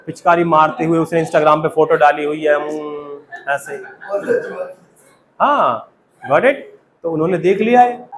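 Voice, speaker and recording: Male classroom teacher, keeps quizzing students; high-pitched. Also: fairly bright tone, low-quality recording. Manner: quizzing students with repeated questions. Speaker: spoken English teacher. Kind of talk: classroom grammar lesson.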